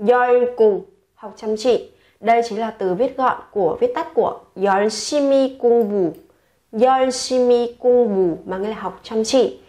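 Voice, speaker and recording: Woman teaching words, repeating each clearly. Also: fairly high pitch, mellow, muffled recording. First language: Vietnamese. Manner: repeats each word several times, slow and clear. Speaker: Korean language teacher. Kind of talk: explaining vocabulary to learners.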